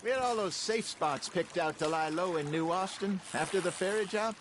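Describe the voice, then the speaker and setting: An actor playing a genial frontier outlaw in a game who tells fishing tales in a folksy, teasing way. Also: male voice, high voice, moderate pace, noisy background, close to an everyday voice. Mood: amused. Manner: folksy, teasing, animated storytelling. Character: genial older frontier outlaw, jokey storyteller. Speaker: gang member on a fishing trip.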